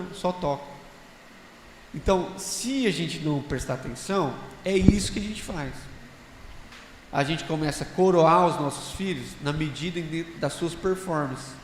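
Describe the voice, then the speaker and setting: On a church conference panel in a large church hall, a man with a higher-pitched voice shares reflections in a casual talk, telling stories and asking the audience rhetorical questions. The hall is echoey with long reverb and faint ambience, plus slight background noise.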